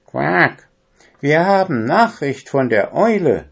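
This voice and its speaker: A man's voice: a little high, big pitch swings, slow pace, vocal fry, fairly bright tone, breathy edge, pitched above the performer's own voice, exaggerated voice. A man voicing two cheerful ducklings who speak in sing-song rhymes in a storybook reading.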